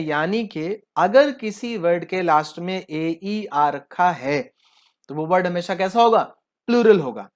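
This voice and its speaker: A man teaching an English grammar lesson. He asks his students questions and answers them himself, spells out word endings slowly letter by letter, and keeps checking in with a quick "Done this?". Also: high voice. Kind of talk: classroom-style video lesson.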